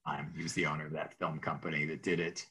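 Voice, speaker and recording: This casual interview guest is a middle-aged Minnesotan raised speaking Greek, whose storytelling wanders with restarts and chuckles. He speaks quickly in a very deep, level voice that sounds pushed and bright.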